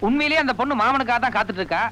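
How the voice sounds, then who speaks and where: A curious stranger in a village who asks puzzled questions. His voice is high and bright, and he talks quickly. Faint noise sits under the film soundtrack. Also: animated, full character voice. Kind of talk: film drama acting.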